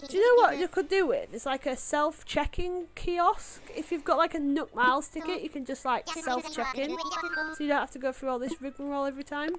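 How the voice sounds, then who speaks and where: Chatty high-voiced Yorkshire woman. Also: fairly quick. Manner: chatty, rambling, lots of "like" fillers. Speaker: gaming YouTuber. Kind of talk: casual gameplay commentary. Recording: music playing behind the voice.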